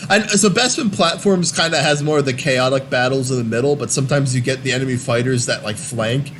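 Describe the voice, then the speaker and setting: A young man talks casually about video games at an average pitch, rambling along with lots of fillers and false starts. A steady noise sits clearly behind his voice on a home recording. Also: brisk. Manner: rambling, many fillers and restarts. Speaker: podcast host. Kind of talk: casual gaming chat.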